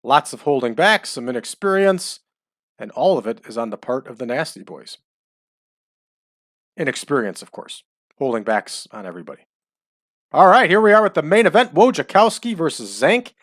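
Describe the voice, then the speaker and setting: A man's voice: fairly high pitch, sing-song, normal speed, pauses often, a bit bright, no room sound, clean studio sound. A man in his forties giving chatty, rambling commentary while playing a wrestling management game. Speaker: let's-play host.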